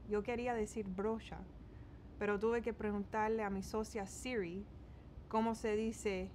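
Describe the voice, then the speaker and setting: A slightly high female voice comes from a Miami beauty vlogger in her twenties with a Cuban-American accent. Chatting casually through a makeup tutorial in her small bedroom, she slips English into her Spanish. There's slight background noise.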